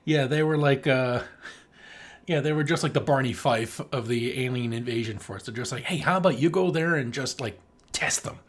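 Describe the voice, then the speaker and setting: This man, co-hosting a podcast, talks about a film in a loose, joking way full of slang and swearing. He speaks at medium pitch and a moderate pace.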